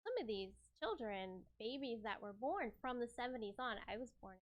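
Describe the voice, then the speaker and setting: A woman's voice: a little high, lively intonation, moderate pace, muffled recording. A woman guest on a radio talk show, talking loosely with hesitant fillers and light laughter. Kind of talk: casual interview chat.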